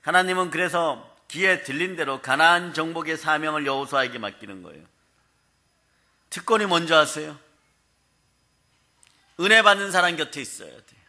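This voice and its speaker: A male pastor preaching a sermon in a humorous, lively way, often prompting the congregation to answer. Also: a little high, moderate pace, pauses often. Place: prayer house sanctuary.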